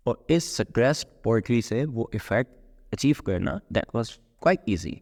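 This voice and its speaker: A man with a Pakistani accent teaching literature, switching between Hindi-Urdu and English and alternating quick runs with slow, stressed phrases. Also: mid-range voice, expressive, creaky, a little mellow, long reverb tail. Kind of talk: lecture.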